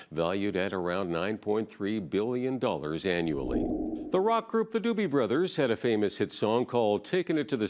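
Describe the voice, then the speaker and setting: A man reading the news as a newscast anchor. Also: lowish voice.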